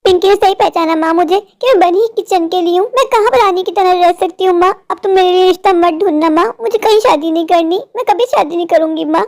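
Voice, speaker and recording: A woman's voice: very high voice, fast, few pauses, darkish tone. Woman voicing a heartbroken young cartoon girl. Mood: hopeless. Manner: despairing, pleading. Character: sad young woman mocked as ugly. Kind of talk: cartoon storytelling.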